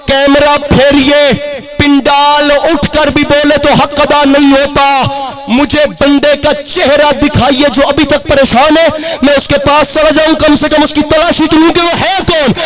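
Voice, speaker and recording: A man from Pakistan delivering an impassioned sermon to a gathering, declaiming and chanting repeated refrains while urging the crowd directly. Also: very high voice. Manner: addresses and urges the crowd directly. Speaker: zakir preaching at a religious gathering.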